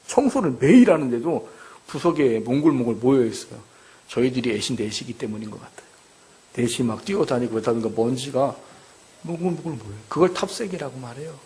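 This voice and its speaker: A man's voice: medium pitch, darkish tone. Earnest male pastor preaching a sermon. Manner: earnest, repetitive preaching with rhetorical questions.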